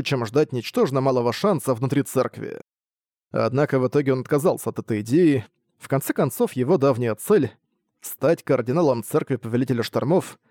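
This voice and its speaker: A man narrating a fantasy audiobook in a steady, even reading voice. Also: mid-range voice, dry recording, studio quality.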